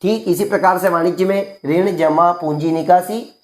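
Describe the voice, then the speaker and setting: A male teacher giving an exam-prep grammar lesson. He explains patiently and slowly, repeats key phrases, and asks the class questions before answering them himself. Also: high voice, fairly even intonation. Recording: roomy echo.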